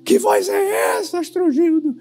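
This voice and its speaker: A man voicing a frightened young wife lost in a forest in a bedtime story, shrill, panicky and tearful. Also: wildly swooping pitch, measured pace, dark tone, full character voice. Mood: panicked. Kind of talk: bedtime story told in a sermon.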